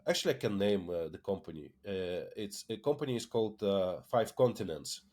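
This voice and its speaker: Guy, deepish voice, keeps saying uh and repeating words, interview chat. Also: animated, brisk, a little mellow. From Lithuania. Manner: hesitant, many fillers and repeated words. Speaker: tech company founder, guest. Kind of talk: casual interview conversation.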